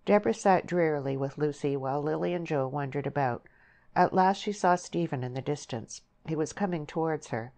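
A woman reading a novel aloud as an audiobook narrator, in a measured, even way. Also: low-pitched, low-quality recording. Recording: steady background hiss.

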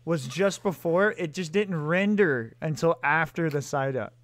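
A young man co-hosting a game stream, relaxed and rambling, laughing easily. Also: on the high side, measured pace, no room sound. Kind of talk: casual gameplay commentary.

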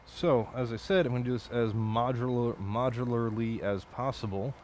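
A man's voice: medium pitch, moderate pace, darkish tone, a little hiss or hum. A man talking casually while building an electronics project at his home workbench late at night, rambling, swearing and correcting himself. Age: adult. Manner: rambling, profane, self-correcting. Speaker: electronics hobbyist streamer.

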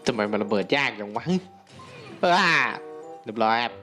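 A young man giving casual gameplay commentary, excitable, breaking into loud exclamations and talking to viewers. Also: on the low side, normal speed, faint music behind.

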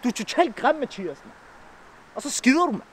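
Sitting in a car at a drive-through attraction, a young vlogger host cracks jokes and teases in loud, slangy casual chatter. He has a very high, sing-song, somewhat bright voice, and the recording picks up a lot of in-car noise.

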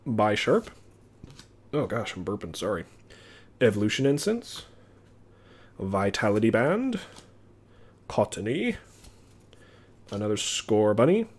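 A man streaming himself opening trading card packs, chatting casually and getting excited over his pulls. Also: fairly low pitch, slow pace, long pauses, husky. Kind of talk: casual live-stream commentary.

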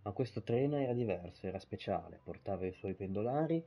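Swearing streamer, husky low voice. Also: male voice, lively intonation, fairly quick, dull audio. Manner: swears casually, stumbles over words while reading. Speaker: streamer playing a game. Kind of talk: live gameplay commentary and reading in-game texts aloud.

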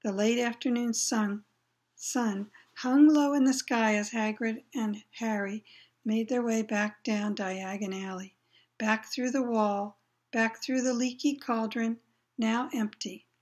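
A woman's voice: fairly high pitch, steady tone, slow, a little mellow. A woman reading a children's novel aloud, plain storytelling with brief asides to listeners. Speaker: reader.

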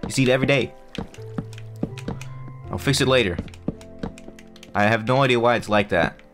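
With soft music in the background, this young man speaks at a moderate pace in a medium-pitched, slightly bright voice. The gaming YouTuber isn't a native English speaker and rambles through casual commentary, poking fun at himself amid frequent fillers and restarts.

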